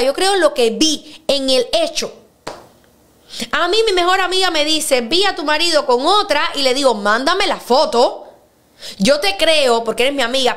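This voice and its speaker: A woman hosting a podcast, telling stories in a blunt, emphatic way with quick bursts of speech. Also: sits high, a bit bright. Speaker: podcast host. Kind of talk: casual podcast chat.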